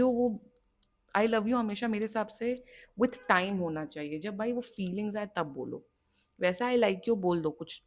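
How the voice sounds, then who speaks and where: A young woman with an Indian accent giving a casual tarot reading, chatty and animated, moving freely between Hindi and English phrases. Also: medium pitch. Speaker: tarot reader.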